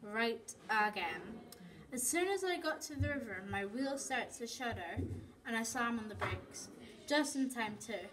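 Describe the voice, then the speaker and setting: Slow halting woman reading a story. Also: a little high, lively intonation, noisy background. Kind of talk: reading her own story aloud. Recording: voice from off the mic, people chattering behind.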